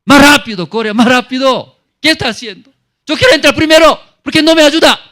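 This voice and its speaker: A man acting out an impatient, ungrateful sick man who shouts complaints and demands help. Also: extremely high pitch, fairly quick, voice pushed up. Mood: angry demanding.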